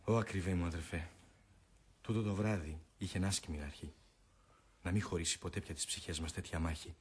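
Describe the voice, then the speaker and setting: An actor playing Cassius, a tense Roman conspirator, declaiming in a radio drama. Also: male voice, sits low, steady tone, husky. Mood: tender.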